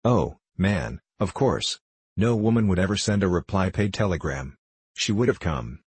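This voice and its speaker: Sherlock Holmes, read by a man, measured and lofty. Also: low voice, animated, darkish tone, slightly rough, no echo. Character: sharp, bored male detective, lofty and precise.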